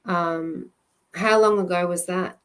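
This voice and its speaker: A woman love coach giving a live presentation in an earnest, halting way, often restarting her sentences. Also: fairly low pitch, steady tone, clean tone.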